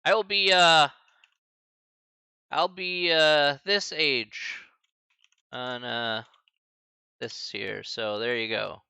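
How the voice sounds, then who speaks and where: A man's voice: mid-range voice, extremely slow, creaky, long pauses, clear, resonant tone, dry recording. A man in his early forties, a college math instructor, teaching a live-streamed lecture and chatting with viewers between steps. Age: 40s. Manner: lively, chatty asides to chat, laughs often.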